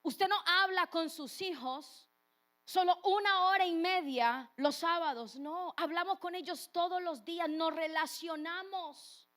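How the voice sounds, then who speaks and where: A woman's voice: extremely high pitch, a bit bright. A woman preaching a sermon in an earnest way, putting direct questions to her listeners.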